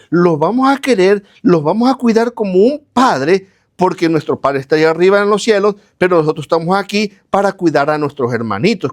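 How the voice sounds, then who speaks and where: A man preaching a sermon, asking questions and answering them himself, repeating phrases in lists, speaking straight to his listeners. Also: a little high. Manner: addresses listeners directly.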